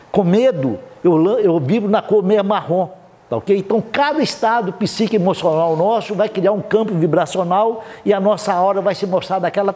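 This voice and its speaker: A man's voice: high voice, warm tone. A man lecturing a live audience at a spiritist seminar, explaining step by step and checking in with listeners often. He speaks with a Brazilian Portuguese accent.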